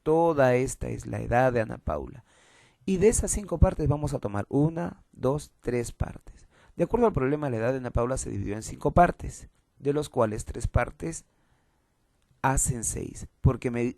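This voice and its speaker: A man's voice: mid-range voice, animated, normal speed, vocal fry, a little mellow, no echo. A man explaining fraction word problems step by step as a math teacher, patiently repeating the key rules.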